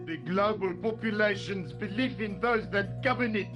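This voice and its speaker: Guy doing a south african accent, stiff plotter type, high voice. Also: normal speed, over music, lightly acted. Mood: formal. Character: South African conspirator man.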